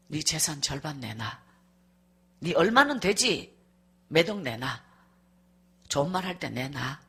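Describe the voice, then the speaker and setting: A woman's voice: low voice, fairly bright tone, husky, pitched below the performer's own voice, full character voice. A woman playing a cold, threatening husband. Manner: curt, threatening orders. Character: cold, demanding middle-aged husband.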